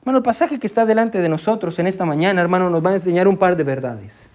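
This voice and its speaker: A man in his thirties preaching a sermon as pastor, conversational and warm, often calling out to the congregation. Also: sits high, expressive, fast talker. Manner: warm, conversational preaching with frequent "amén" and "hermano". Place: church sanctuary.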